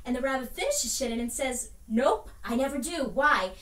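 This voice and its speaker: Brash foul-mouthed starlet voiced by a woman, Queens accent, very high and bright voice, roomy distant recording. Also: lively intonation, normal speed. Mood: wry, crude. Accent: New York Queens. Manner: profane, explosive, swaggering. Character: brash volatile young female starlet from Jersey. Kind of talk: dramatic film monologue.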